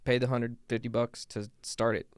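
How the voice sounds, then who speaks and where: A man hosting a casual podcast chat, telling stories with lively quoted dialogue. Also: medium pitch, moderate pace, clean tone, no room sound. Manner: animated storyteller, acts out quoted dialogue. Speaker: podcast host.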